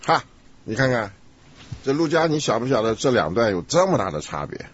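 A man hosting a casual Bible study discussion, teasing and conversational like a lively teacher. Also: mid-range voice, a little fast, husky. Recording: dull lo-fi recording.

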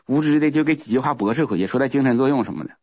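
Fast-talking man. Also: medium pitch, a little mellow, no echo. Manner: rambling, repeats words, restarts often. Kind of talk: casual spoken testimony. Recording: muffled lo-fi recording.

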